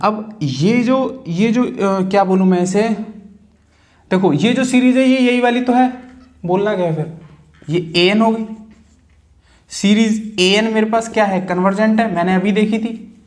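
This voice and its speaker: A man's voice: sits high, measured pace, long pauses, a little mellow. A man giving a conversational math lecture, asking and answering his own questions as he writes. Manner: talks while writing, asks and answers his own questions.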